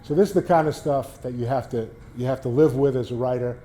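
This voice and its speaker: A man's voice: mid-range voice, fast, warm tone, slight background noise. A man in his sixties with a Boston accent, telling rambling anecdotes with many restarts to a library audience. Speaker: guest speaker, former sports beat writer. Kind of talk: casual storytelling talk to a library audience. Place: public library talk.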